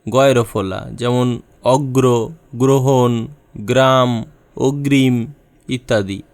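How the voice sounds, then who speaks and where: Slow, clear-voiced male teacher. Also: medium pitch, no room sound. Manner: reads word lists aloud one by one, addressing students directly. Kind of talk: slow lesson on Bengali spelling and pronunciation.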